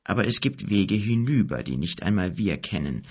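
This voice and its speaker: A solemn, gentle bearded wizard from an audiobook, as a man reads him. He speaks low and unhurried in a gravelly, husky hush. His tone rises and sinks a great deal. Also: big pitch swings, exaggerated voice. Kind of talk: audiobook character voice.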